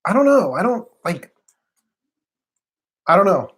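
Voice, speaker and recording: A man's voice: high voice, very animated, unhurried, fairly bright tone, slightly rough. Musing, hedging man co-hosting a sports stream. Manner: musing, hedging, says "I don't know" often. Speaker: live stream co-host. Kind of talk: casual sports chat on a live stream.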